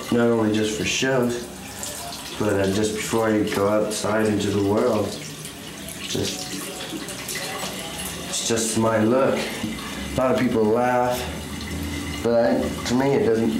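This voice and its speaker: A man talking in a halting, soft-spoken way during a casual interview, restarting his sentences. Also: fairly low pitch, roomy sound, noisy background. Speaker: band founder.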